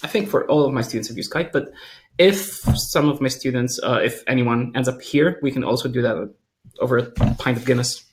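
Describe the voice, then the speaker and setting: A man who mentors coding students, speaking in a relaxed, joking way. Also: medium pitch, a little fast.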